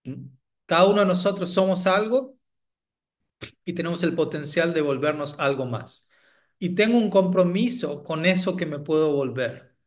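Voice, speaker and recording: A man's voice: on the high side, animated, moderate pace. Reflective man giving a devotional talk. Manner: reflective, asks "¿no?" after points; clears throat often. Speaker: spiritual teacher.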